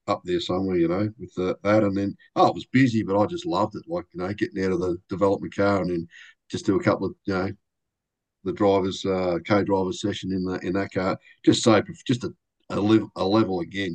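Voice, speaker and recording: An older man, a racing driver guest, telling lively anecdotes and acting out quoted voices in a casual interview. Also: low-pitched, fairly quick, rough recording.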